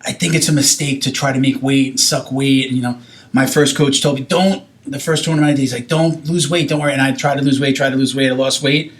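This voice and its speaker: A man's voice: medium pitch, fairly even intonation, quick pace. A man in his forties hosts a casual podcast with an ordinary mid-range voice. He wanders through his points, restarting and correcting himself, and tosses questions to his guests. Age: 40s. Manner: rambling, self-correcting, asks questions. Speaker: podcast host. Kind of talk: casual chat.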